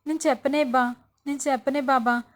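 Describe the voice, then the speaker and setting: A woman's voice: high voice, fairly even intonation, brisk, close to an everyday voice. A woman voicing a young married woman who whines and stubbornly refuses to apologise. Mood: sulky. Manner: whiny, stubborn.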